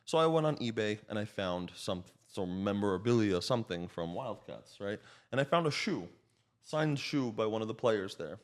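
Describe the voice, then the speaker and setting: Animated and speaking at normal speed, a man with a lowish voice and a faint Slovak accent spins loose, self-interrupting stories on a podcast. He's a real estate agent, a native Slovak speaker, and the child of Slovak parents.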